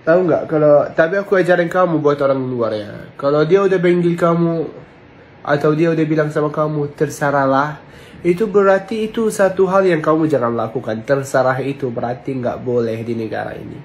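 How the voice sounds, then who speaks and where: A man chatting casually in animated, slangy speech peppered with emphatic oaths. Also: on the high side, fairly quick, slight background noise. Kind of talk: casual chat.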